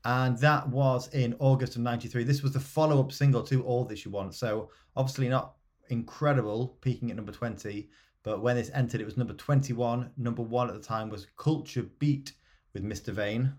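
A man's voice: medium pitch, fairly even intonation, a little fast, a little mellow. A middle-aged man, chatting casually as co-host of a music podcast.

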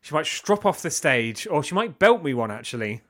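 A man's voice: fairly high pitch, sing-song, normal speed, a bit bright. A man co-hosting a podcast, talking enthusiastically about an album in a casual chat. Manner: enthusiastic, gushing. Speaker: podcast co-host. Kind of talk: casual music review chat.

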